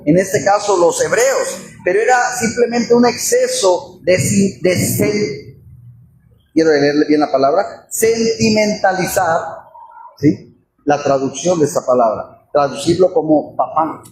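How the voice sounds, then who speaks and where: A man preaching an expository sermon, asking the congregation questions and acting out quoted voices. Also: high voice. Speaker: pastor. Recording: echoey room with faint ambient noise.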